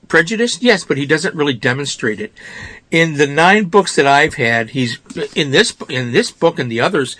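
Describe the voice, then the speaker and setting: An American host of a book review show offers informal book commentary in a raspy voice, slightly hoarse from a cold. He's emphatic, often posing questions and answering them himself, in a bright, forceful voice on the high side, and the recording has no room sound.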